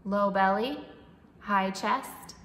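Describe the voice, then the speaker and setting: A woman leading a guided breathwork meditation in a soothing, instructing manner, with long pauses and audible breathing and sighs. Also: medium pitch, a bit bright. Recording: echoey reverberant room, faint background noise.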